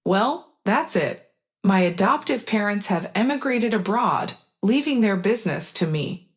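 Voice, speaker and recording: A woman's voice: medium pitch, expressive, measured pace, close to an everyday voice. A woman reading the lines of a young man speaking to his sister in a storybook narration, delivered plainly and evenly. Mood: earnest.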